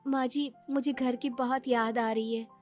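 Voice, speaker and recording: A woman voicing a sweet, spirited young woman in an animated story, talking brightly and expressively. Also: sits high, measured pace, faint music behind, pitched above the performer's own voice. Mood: chatty. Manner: bright, expressive, wails when in pain. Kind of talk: storybook cartoon voice acting.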